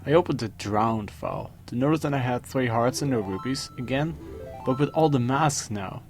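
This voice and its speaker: A man reading a scripted first-person horror story, dramatically, with pauses for suspense. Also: mid-range voice, animated. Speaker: creepypasta narrator. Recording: music behind the voice. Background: music.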